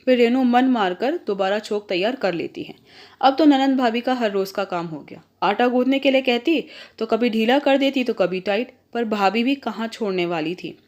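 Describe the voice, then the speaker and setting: A woman hosting her channel and reading a family story aloud in plain, steady narration. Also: fairly high pitch, normal speed.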